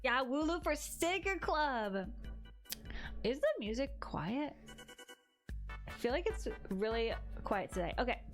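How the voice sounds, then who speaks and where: A young woman streams her drawing and reads viewer messages in bubbly, giggly chat, adding playful sound effects, her voice a bit hoarse from losing it. It's high and expressive, unhurried, with long pauses, and background music plays underneath.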